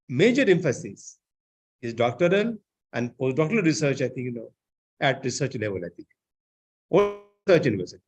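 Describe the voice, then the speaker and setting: A man giving an online seminar lecture, often filling pauses with "I think, you know". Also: high-pitched. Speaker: seminar speaker.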